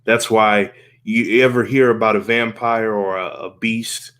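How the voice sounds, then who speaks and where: A man's voice: on the low side, steady tone, a little slow, a bit bright. A man hosting a casual podcast chat, talking earnestly, repeating and restarting phrases and swearing freely.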